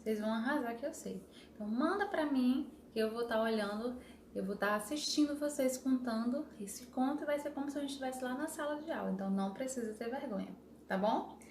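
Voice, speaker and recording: A woman's voice: high voice, darkish tone, echoey room, a little hiss or hum. A young adult woman teacher with a Brazilian Portuguese accent, giving a remote lesson to young children and explaining step by step in an encouraging way with many tag questions.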